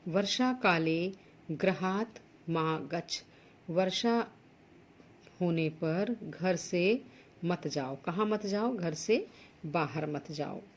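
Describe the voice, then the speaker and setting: A woman's voice: lowish voice, very slow, pauses often. A woman teaching Sanskrit to school students, working through textbook exercises. She reads each Sanskrit word and then explains it plainly in Hindi.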